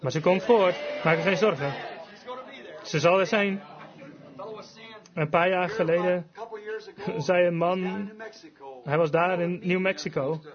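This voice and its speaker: A man preaching a fervent revival sermon, emphatic, switching between quick bursts and slow, drawn-out phrases. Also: sits high, fairly even intonation, a crowd in the background. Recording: dull lo-fi recording with congregation audible.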